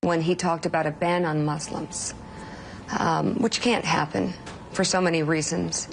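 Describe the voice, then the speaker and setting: A woman's voice: low-pitched, fairly even intonation, a little slow, creaky, a little hiss or hum, rough recording. A woman interviewing a guest on television, asking direct, probing questions.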